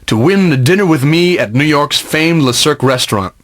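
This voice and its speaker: A man giving scripted promotional narration about his own career, in measured, polished announcer phrasing. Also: fairly high pitch, animated. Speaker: ringmaster presenting own career reel. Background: loud music.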